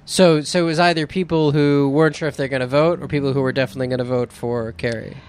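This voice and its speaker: A man's voice: medium pitch, steady tone, fast, a little mellow, smooth. A man chatting casually with his mother, cutting in with jokes. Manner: wisecracking, interjects jokes. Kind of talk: casual conversation.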